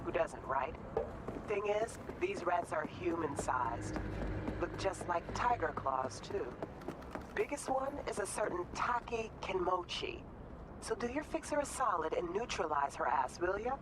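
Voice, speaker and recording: An actress playing a brisk, slangy female fixer handing out jobs in a video game. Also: on the low side, sing-song, noisy background. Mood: businesslike. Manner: slangy, matter-of-fact. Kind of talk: video game character dialogue.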